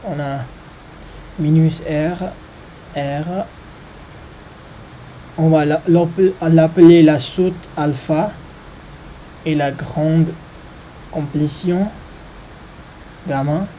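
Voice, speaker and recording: Very slow, halting non-native French speaker with foreign accent. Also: mid-range voice, steady tone, warm tone, slight background noise, rough recording. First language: not French. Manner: halting, searching for words. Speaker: maths video presenter. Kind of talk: informal maths lesson.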